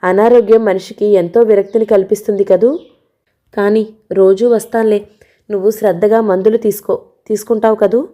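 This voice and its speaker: A woman's voice: medium pitch, steady tone, normal speed, warm tone, natural voice. A woman voicing an earnest young male lawyer who speaks in a caring, reassuring way.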